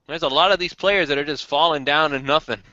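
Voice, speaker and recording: A man co-hosting a draft show has a bright, forceful voice with a crisp, clear edge. He drops wry, quick comments on the picks. The sound is dry and a little dull. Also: a little high, no room sound. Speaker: co-host of draft podcast. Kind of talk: casual sports talk.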